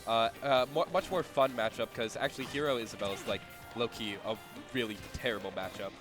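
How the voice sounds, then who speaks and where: A man of middle pitch co-commentating in a relaxed, offhand tone, with clear music playing behind his voice. He is easygoing and jokes between calls. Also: brisk. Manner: laid-back, joking, offhand. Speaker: esports co-commentator. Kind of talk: casual game commentary.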